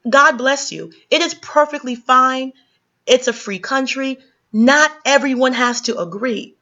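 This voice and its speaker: This commentary vlogger's voice sits high, pushed and bright, at a measured pace. The Caribbean woman lectures her viewers heatedly, full of fillers and restarts, over dull lo-fi audio.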